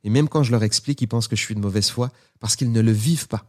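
A man's voice: lowish voice, fast. Earnest, hesitant French man. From France. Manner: earnest, hesitant, growing heated. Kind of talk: candid conversation.

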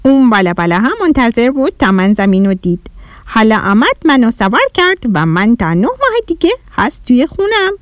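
A woman's voice: on the high side, very animated, no echo, clean studio sound. A woman voicing a small, friendly Martian boy who talks in broken, childlike grammar in a children's story. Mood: cheerful.

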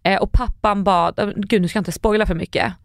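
A woman with a Swedish accent co-hosts a podcast in casual chat. She talks earnestly and with feeling, her pitch in a middle range. The recording is dry and close to the mic. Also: creaky, no echo. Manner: earnest, emotional, animated. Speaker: podcast co-host.

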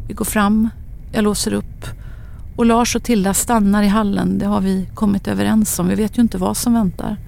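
A woman in her forties narrating a personal story in a quiet, halting, grave way. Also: mid-range voice, flat delivery, gravelly.

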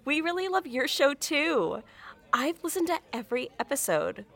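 A woman's voice: high voice, sing-song, moderate pace, vocal fry, a bit bright, heavily acted. A woman doing a bubbly, dim, gushing co-host. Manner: bubbly, fawning. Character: gushing dim-witted woman podcast co-host, sweet and eager. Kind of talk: fiction podcast drama.

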